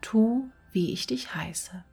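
A woman voicing a selfless, sorrowful prince statue in a whispered role-play, gentle in manner. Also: medium pitch, lively intonation, takes it slowly, gravelly, husky, soft background music, exaggerated voice.

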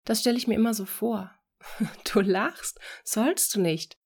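A woman voicing a restless young man talking on the phone, excitable and quick in bursts. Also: medium pitch, husky. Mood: confiding.

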